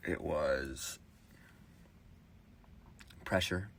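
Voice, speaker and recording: A young man in his late teens speaks a rambling personal monologue into a phone voice memo. His talk is halting, with restarts and fillers. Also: a bass voice, gravelly. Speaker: vlogger.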